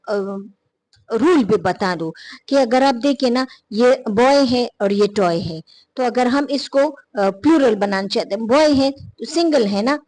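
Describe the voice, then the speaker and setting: Woman teacher, slightly high voice, slow and patient, spells words out. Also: a little mellow. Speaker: English teacher. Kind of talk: explaining a phonology lesson.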